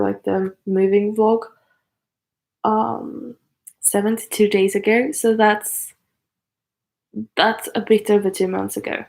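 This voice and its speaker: A woman's voice: medium pitch, creaky, a little mellow. A woman of twenty chatting casually on a livestream, hesitant and full of fillers and apologies. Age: 20s. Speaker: YouTuber on a livestream. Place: apartment.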